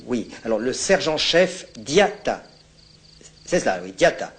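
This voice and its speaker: Composed colonial captain, polite, unhurried, formal on the phone. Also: male voice, mid-range voice, sing-song, fairly bright tone, a little hiss or hum. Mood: calm. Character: composed French colonial captain, courteous and detached. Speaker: army captain. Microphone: telephone call.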